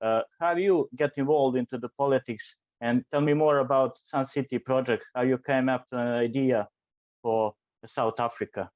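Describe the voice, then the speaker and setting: A man from Montenegro hosting an interview in English, a non-native speaker asking questions slowly with many hesitations. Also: mid-range voice, steady tone, no room sound. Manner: slow, hesitant, with many uhs. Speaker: podcast host. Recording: dull lo-fi sound.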